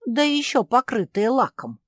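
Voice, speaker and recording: A woman's voice: a little high, big pitch swings, no room sound, studio quality, voice pushed up. A woman doing an eager little pug girl. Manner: eager, quick questioning. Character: excitable young female pug detective.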